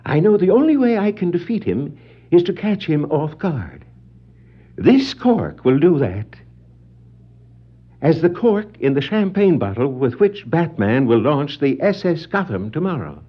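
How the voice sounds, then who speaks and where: An actor playing a gleeful, scheming clown villain with cackling laughter in a theatrical, gloating manner, in the style of a 1960s superhero record. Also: male voice, big pitch swings, a little slow. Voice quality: high, cackling laughter and whoops. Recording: dull 1960s vinyl record dramatization.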